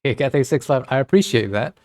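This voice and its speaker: A man's voice: mid-range voice, expressive, brisk, darkish tone, soft background music. A man acting as air traffic controller, giving clipped radio instructions to pilots.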